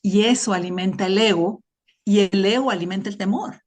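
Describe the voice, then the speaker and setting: A woman's voice: mid-range voice, fairly quick, darkish tone. A middle-aged woman giving a reflective, conversational personal recovery testimony, often checking in with her listeners. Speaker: recovery group member sharing her story.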